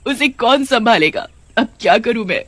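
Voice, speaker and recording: A woman's voice: a little high, lively intonation, moderate pace, fairly bright tone, no room sound, voice pushed up. Brief: tender grieving witch-mother, voiced by a woman, pleading, dry close sound, cartoon story. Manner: pleading, emotional.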